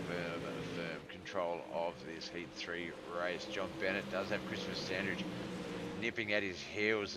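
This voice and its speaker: A man's voice: low-pitched, heavy background noise. A man calling sim racing play-by-play in a laid-back, rambling way. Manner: laid-back, rambling, yawning between calls. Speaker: race commentator.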